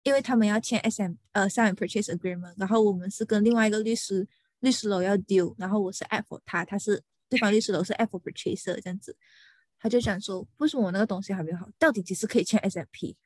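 A young woman lawyer venting about work in a casual podcast chat, animated and dropping English words into her talk. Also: mid-range voice, fast, dry recording.

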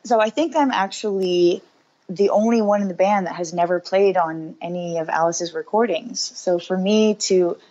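A woman's voice: lowish voice, moderate pace, warm tone. Chatty, upbeat woman in her thirties, lo-fi. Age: 30s. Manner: upbeat, chatty, many fillers. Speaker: guest musician. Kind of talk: casual interview chat.

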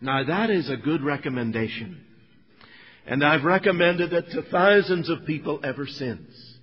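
A man's voice: fairly high pitch, lively intonation, moderate pace, husky, long reverb tail, dull audio. A middle-aged man, preaching a sermon and telling his own story to the congregation with earnest asides. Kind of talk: sermon testimony.

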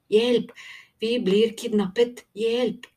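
A scared young boy with a shaking, stammering voice, as a woman puts him on. It rises well above the reader's usual low register, and a soft husky breathiness stays on it. He sounds close to panic in this storybook voice. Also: steady tone, natural voice. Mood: panicked. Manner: stammering, trembling.

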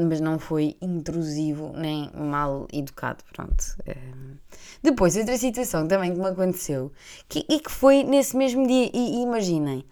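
Podcast host, young woman, European Portuguese accent, lowish voice, animated anecdotes with laughter. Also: clear, resonant tone. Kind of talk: casual storytelling chat.

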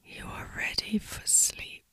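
A woman narrating a scripted sleep story as a guided meditation, in a breathy, hushed, soothing whisper. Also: slow pace, no room sound.

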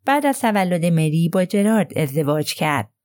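A woman's voice: fairly low pitch, very animated, a little mellow, dry recording, studio quality. A woman voicing a gossipy middle-aged nurse who talks in a hesitant, confiding way.

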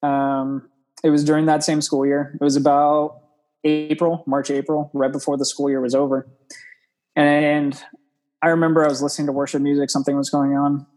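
A man's voice: fairly high pitch, level tone, normal speed, darkish tone, poor audio. A young man as an interview guest, telling his story in an earnest, rambling way and often quoting what he said to himself.

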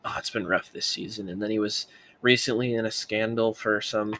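A young man with a lowish voice talks through his picks in a loose, rambling way. He stops to correct himself and thinks out loud as he goes. Behind him there is a faint hum of room ambience. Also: steady tone, normal speed. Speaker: sports video host. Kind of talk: casual commentary.

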